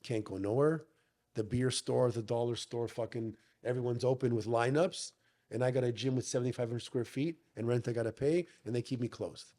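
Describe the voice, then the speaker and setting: A man's voice: medium pitch, brisk, mellow. A middle-aged man who owns a gym, telling his story in a casual podcast chat, blunt and swearing often. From Canada. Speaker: gym owner and guest.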